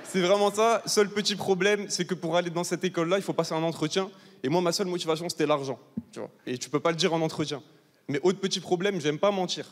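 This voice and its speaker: A man's voice: high voice, fast. A young man in his twenties from southern France doing a brash, chatty stand-up set and teasing a large live audience. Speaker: stand-up comedian. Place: large live comedy hall, audience of 800. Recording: live hall with reverb and faint ambience.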